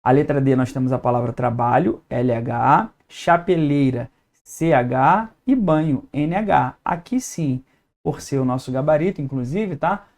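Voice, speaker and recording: A man's voice: medium pitch, a little slow, darkish tone. A man with a Brazilian Portuguese accent teaching an exam-prep lesson at a whiteboard, explaining step by step and checking in with his students.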